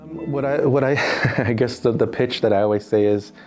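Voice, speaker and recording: Speaking fairly quickly in a dark-toned, mid-range voice, a New York City man with a local accent is interviewed as a financial crime specialist. He answers casually and hesitantly, leaning on fillers and restarts, while soft music plays in the background.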